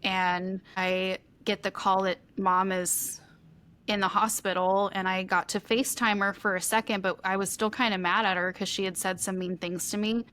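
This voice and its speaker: A woman's voice: medium pitch, level tone, normal speed, a bit bright. A woman co-hosting a podcast, talking candidly and at length in a rambling, open way with many "like" fillers. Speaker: podcast co-host. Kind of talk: candid conversational chat.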